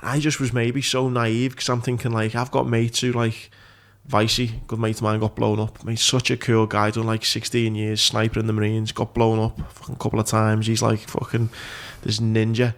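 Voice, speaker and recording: This man, in his thirties with a Liverpool accent, hosts a podcast in casual, informal, swear-filled chat. He speaks at normal speed with few pauses, his fairly low voice completely flat. The setup is a desk microphone in a small indoor office studio.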